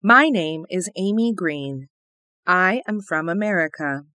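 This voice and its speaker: A woman reading the part of a twelve-year-old schoolgirl introducing herself in a scripted listening test, slow and carefully enunciated. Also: fairly low pitch, lively intonation, pushed and bright, dry recording, clean studio sound. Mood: plain.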